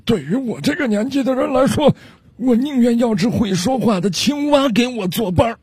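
A man's voice: lively intonation, moderate pace, darkish tone, a little hiss or hum. A man voicing a grumpy 85-year-old man who mutters at a frog in his pocket. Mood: irritated. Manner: grumbling, lowered voice.

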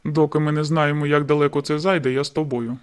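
A woman voicing a burly, joking young male vampire with blunt, loud retorts in an audiobook reading. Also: sits low, level tone, fast, voice pushed down, lightly acted. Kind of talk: audiobook character voice.

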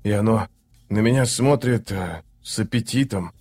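Man doing a frightened army healer, hushed. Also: lowish voice, normal speed, slightly rough. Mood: nervous. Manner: hushed, nervous. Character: frightened male army healer, middle-aged.

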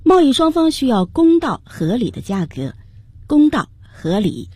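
A woman's voice: sits high, sing-song, measured pace, dark tone, breathy edge, no echo. A woman co-hosting a radio English lesson, introducing each new word and prompting her partner.

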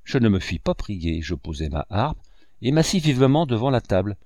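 A man narrating a classic novel in a measured storytelling manner. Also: lowish voice, big pitch swings, a little mellow, no room sound, clean studio sound. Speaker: audiobook narrator.

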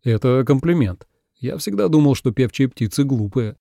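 A man's voice: mid-range voice, expressive, moderate pace, creaky, dark tone, dry recording, studio quality. A man voicing a proud, touchy young male crow who speaks with self-important airs. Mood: haughty, touchy. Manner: pompous, easily offended.

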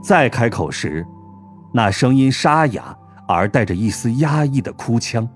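A man narrating an audiobook in an expressive storytelling manner. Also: mid-range voice, unhurried, soft background music. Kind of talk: scripted narration.

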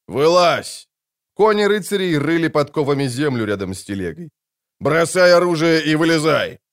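A man narrating an audiobook and voicing the characters by shifting his pitch and pace. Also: dry recording, clean studio sound. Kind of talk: scripted narration with character voices.

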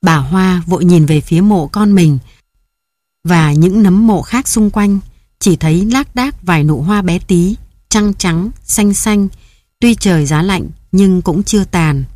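A woman reading a story aloud in measured, even audiobook narration, pausing to read editor's notes. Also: lowish voice, no echo.

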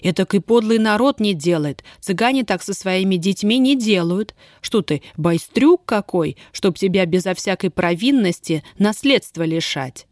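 A woman reading an audiobook, voicing a proud, poor young Roma woman who scolds and then coaxes softly. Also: mid-range voice, expressive, normal speed, hardly any pauses, no echo, studio quality, natural voice. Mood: angry. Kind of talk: audiobook character voice.

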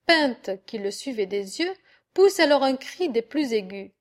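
A woman narrates a medieval animal tale for an audiobook. Her reading is slow and expressive, in a voice sitting slightly high. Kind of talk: storybook narration.

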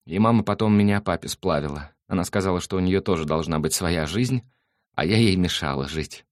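A man's voice: a little fast, no echo, studio quality, lightly acted. A man voicing an impulsive, easily hurt young woman in an audiobook, lifting his voice into a pleading, emotional tone. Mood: tearful, pleading. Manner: raised pitch, pleading and emotional.

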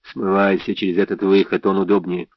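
A cocky, scornful private eye who needles and barks orders, as a male reader puts him on. The voice is low and the audio is dry and slightly dull. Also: little pitch movement, brisk, dry recording. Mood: taunting. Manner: sneering, goading delivery.

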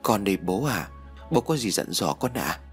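A man's voice: lowish voice, very animated, normal speed, faint music behind. A man voicing a grieving young woman at her father's bedside, tearful and pleading.

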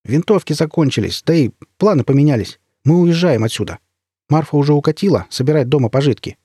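A man's voice: fairly high pitch, lively intonation, quick pace, mellow, slightly rough, dry recording, clean studio sound. A man voicing an eager young male villager who rides a motorbike, speaking in a raised, urgent way.

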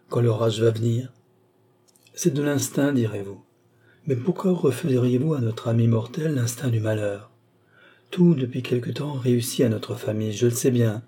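A man doing a heartbroken young noblewoman who pleads through tears, her voice lifted higher than his own. The tone is dark and mellow, with a husky edge. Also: lightly acted. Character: grieving young noblewoman, devoted sister.

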